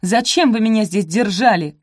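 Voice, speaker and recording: A woman voicing a twenty-year-old servant girl who pleads and answers back, higher and brighter than her narration. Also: normal speed, no room sound, studio quality, natural voice. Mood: pleading, defiant. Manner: pleading, breathless, rising to defiance. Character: young servant woman of twenty, frightened but defiant.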